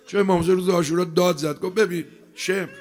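A man preaching a mourning sermon, emotional, swinging between loud cries and hushed lines. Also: sits high, fairly even intonation.

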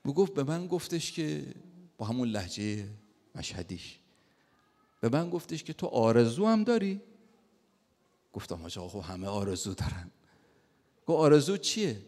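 A man preaching a sermon as a story, acting out quoted lines with sudden loud bursts. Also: fairly low pitch, in a large hall.

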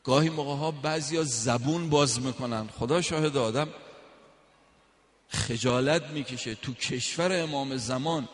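A male preacher delivers a sermon in an easy, storytelling manner, stopping now and then to recite verses. His voice sits at an ordinary middle pitch. A long reverb trails each phrase, as in a large hall.

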